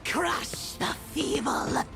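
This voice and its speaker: A woman voicing a cruel, menacing game villainess, gloating with a creaky voice. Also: extremely slow. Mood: cruel menace. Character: menacing, merciless villainess who relishes crushing the weak. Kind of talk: video game voice acting. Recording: distant, under loud game music.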